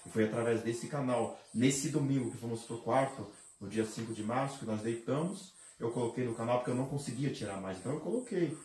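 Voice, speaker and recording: A man of middle pitch gives a pastor's testimony, telling his story dramatically and acting out his own cries. He sits well back from the microphone in a reverberant room, so his voice sounds hollow and distant. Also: brisk, few pauses, darkish tone. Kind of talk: emotional spoken testimony. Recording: roomy sound from a distant mic.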